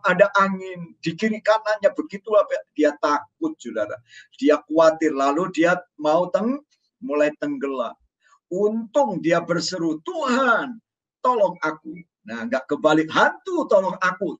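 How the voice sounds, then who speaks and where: A man preaching a sermon as pastor in a church, animated and joking, acting out quoted voices. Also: a little high. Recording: dull sound from a distance.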